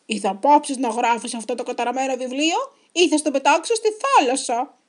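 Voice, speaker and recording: A woman voicing a stern, loud male pirate captain in a children's story. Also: sits high, expressive. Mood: threatening.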